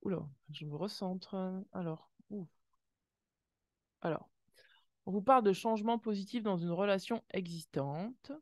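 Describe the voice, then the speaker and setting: A woman's voice: medium pitch, a little slow, long pauses, no echo, studio quality. A woman doing an intuitive oracle card reading, talking straight to viewers with frequent gasps of "wow" and little sound effects. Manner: exclamatory, lots of gasped wows and sound effects; speaks directly to viewers in warm second person.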